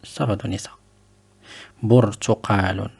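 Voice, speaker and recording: Patient low gravelly-voiced man teaching. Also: fairly even intonation, darkish tone. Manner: patient, slow, repeats words to drill them. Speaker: Arabic teacher. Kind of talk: French-language lesson teaching Arabic letters.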